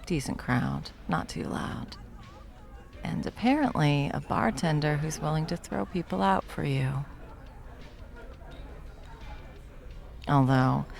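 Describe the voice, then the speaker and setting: For this ASMR roleplay, an actress plays a hot female bartender who is confident, flirtatious and protective, speaking in an intimate one-sided conversation. She uses a full character voice that is very deep and creaky, delivered intimately, with a confident, flirty mood. Her manner is teasing and unhurried, with soft chuckles and dips toward whispers.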